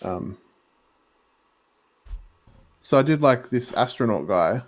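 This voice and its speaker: A man's voice: medium pitch, animated, takes it slowly. A man co-hosting a livestream, explaining things in a hesitant, rambling way full of likes and ums. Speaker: live artist co-host. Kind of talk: casual livestream chat.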